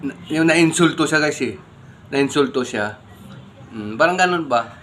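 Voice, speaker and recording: A man talks casually to his vlog audience, his bright voice running through one rhetorical question after another. He keeps the tone conversational and unhurried. Faint background noise sits behind him. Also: on the high side, expressive. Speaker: vlogger. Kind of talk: casual morning vlog talk.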